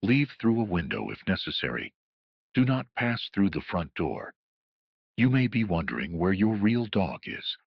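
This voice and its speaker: Voicing a solemn, ominous official announcer in a scripted horror emergency broadcast, a man speaks at normal speed in a low, slightly rough voice with big pitch swings. The muffled lo-fi sound carries a roomy echo.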